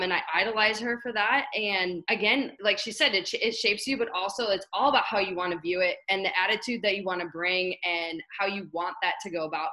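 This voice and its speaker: A woman speaks with a bright, forceful tone, piling up praise in a loose, excited way. Her sentences run on, stitched together with "like" and "you know" as she talks casually on a podcast. Her pitch sits at an ordinary middle height. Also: low-quality recording. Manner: enthusiastic, effusive praise with frequent "like" fillers. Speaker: former teammate and guest.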